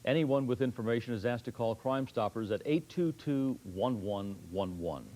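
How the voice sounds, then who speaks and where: A man's voice: mid-range voice, moderate pace, mellow. A man anchoring a news broadcast, reading scripted stories.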